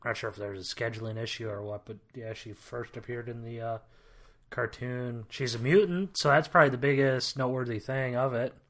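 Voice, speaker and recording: A man's voice: medium pitch, steady tone, fairly quick, a bit bright. Wry curmudgeonly man, podcast co-host. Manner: wry, self-described curmudgeon. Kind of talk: casual chat.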